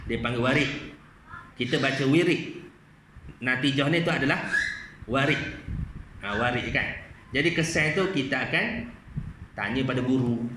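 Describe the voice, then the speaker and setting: A man's voice: medium pitch, normal speed, pauses often, noisy background. A man giving an evening lecture in a mosque, chatty and conversational, often checking in with rhetorical questions. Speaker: religious lecturer. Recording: echoey mosque hall.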